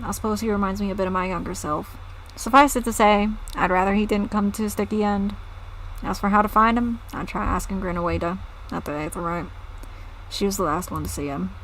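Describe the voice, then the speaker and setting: A woman voicing a gruff, blustery older male farm leader in a game. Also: medium pitch, fairly even intonation, slow, hardly any pauses, dark tone, a little hiss or hum, poor audio. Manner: blustery, old-fashioned insults.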